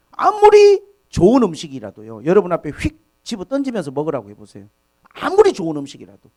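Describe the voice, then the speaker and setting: Male pastor, Sunday sermon, earnest, emphatic, repeats key words, raised voice, very animated intonation. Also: on the high side. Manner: earnest, emphatic preaching addressed to the congregation. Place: church Sunday service.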